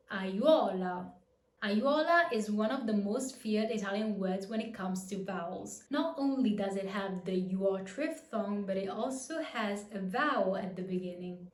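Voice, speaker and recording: Slow, patient woman teaching pronunciation. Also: medium pitch, roomy sound. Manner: clear, patient, demonstrates words slowly and repeats them. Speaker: language teacher. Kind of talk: pronunciation lesson.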